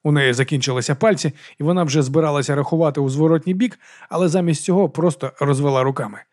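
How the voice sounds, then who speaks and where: A man narrating an audiobook in a steady, even storytelling manner. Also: fairly high pitch, fast, no room sound, studio quality. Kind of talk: scripted narration.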